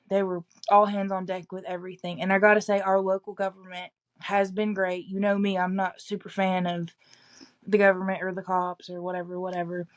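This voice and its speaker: A woman with an East Tennessee accent chats casually as a local resident sharing news, speaking in a mid-range voice. She often backtracks and qualifies what she says.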